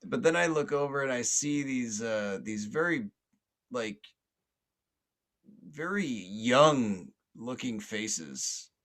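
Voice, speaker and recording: A man's voice: mid-range voice, expressive, takes it slowly, fairly bright tone. A man hosting a podcast, telling a long personal story in a loose, rambling way. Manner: rambling, lots of fillers and restarts. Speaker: podcast host.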